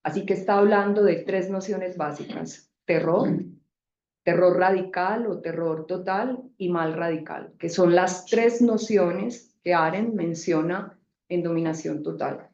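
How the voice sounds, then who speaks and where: A woman speaker answering a question in an academic seminar, measured and explanatory. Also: on the low side, a little mellow. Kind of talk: academic reply in a debate. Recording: echoey room, dull sound.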